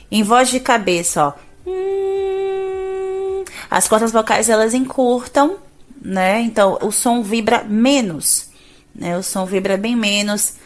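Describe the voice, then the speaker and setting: A woman with a Brazilian Portuguese accent, a singing teacher explaining vocal registers step by step, often ending phrases with "né?" and singing brief demonstrations. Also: mid-range voice.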